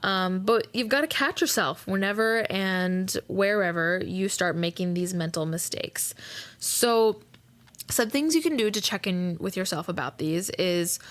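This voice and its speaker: Woman, mid-pitched podcast host, loose conversational delivery, filler-heavy, reads book passages between asides. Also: animated, unhurried. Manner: chatty, many fillers and "right?" asides. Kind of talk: casual solo podcast talk.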